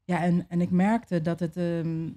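A young adult woman being interviewed, telling a personal story in a relaxed way, with many fillers and restarts. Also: on the low side, measured pace. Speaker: interview guest.

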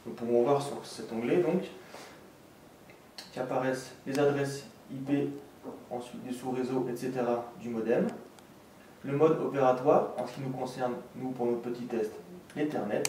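This man's voice is mid-range and mellow, with fairly even intonation and a normal speed. He presents a technical tutorial methodically, step by step, from an indoor room with a desk and green backdrop, recorded on a distant mic in an echoey space with faint noise.

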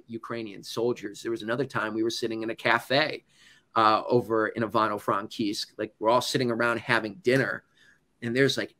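A man's voice: medium pitch, fairly bright tone. A man from the United States who works as a news correspondent, telling stories to an audience in a loose, conversational way full of "like" and "you know.". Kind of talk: casual storytelling talk to an audience.

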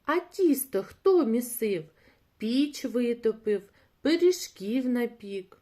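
Woman doing a lively, hardworking little rooster. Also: a little high. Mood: stern. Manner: brisk, calling out and questioning. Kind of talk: storybook reading for children.

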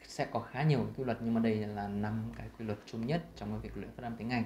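Vietnamese-accented male tutor, lower voice, demonstrates words slowly in an echoey room. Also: steady tone, a little hiss or hum. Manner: models English words slowly and loudly between explanations. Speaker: English pronunciation teacher. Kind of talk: screen-share lesson.

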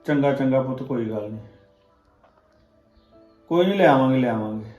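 A woman's voice: a bass voice, animated, normal speed, mellow, echoey room. Actress as a worried Punjabi mother, consoling and annoyed; dull recording with faint music under. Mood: indignant. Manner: consoling, then indignant. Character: worried older village mother, sighing about greed.

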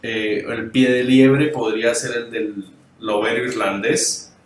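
In a level, medium-pitched voice, a man walks students through an online dog grooming class on slides, step by step. He checks in often and speaks haltingly, restarting, repeating and correcting himself. The mic is distant, catching him off-axis in an echoey room.

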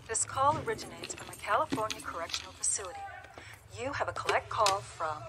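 A crisp, bright automated operator voice that plays over a phone line as a collect-call message from a prison. The delivery is even and announcer-like, sitting at an ordinary pitch. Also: female voice, brisk. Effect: automated collect-call message heard over a phone line. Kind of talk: film acting.

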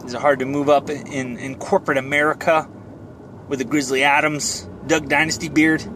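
A vlogger in his thirties rambles to camera from inside a moving car, joking and running himself down. His fairly high voice stays flat at a moderate pace, with road, fan and air noise filling the cabin.

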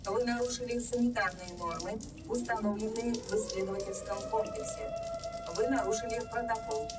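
Stern security computer. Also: female voice, on the high side, very animated, normal speed. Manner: cold, formal, repetitive announcements. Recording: distant voice over game music.

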